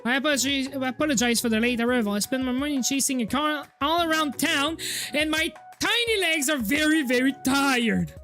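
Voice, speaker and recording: A fussy little dog professor lectures in a hurried, apologetic rush, as a woman reads him. He sounds frazzled and busy in a playful game scene. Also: sits high, fairly bright tone, faint music behind.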